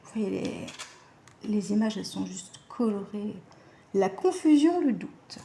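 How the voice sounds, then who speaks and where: A woman's voice: medium pitch, lively intonation, a little slow, gravelly, warm tone, roomy sound, slight background noise. A woman giving a casual card-reading guidance, chatty and hesitant with many fillers and self-corrections. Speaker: animal communication card reader.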